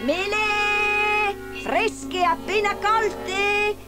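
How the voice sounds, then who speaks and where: A woman voicing a wicked queen disguised as an old peddler woman, calling out in high, shrill cries. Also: big pitch swings, unhurried, faint music behind. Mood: hawking.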